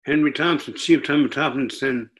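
Older man reading poetry slowly. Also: medium pitch, a bit bright, rough recording. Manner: slow, measured, deliberate reading. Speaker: storyteller and poet.

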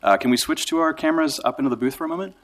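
A nonprofit director addresses a council chamber with a formal, measured, prepared speech. He speaks at a medium pitch.

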